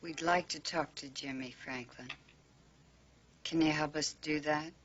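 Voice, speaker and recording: A woman's voice: low-pitched, steady tone, unhurried. An actress playing a determined female lawyer in a television drama, speaking in an articulate, formal, insistent way. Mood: earnest, insistent. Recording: dull TV soundtrack, faint noise.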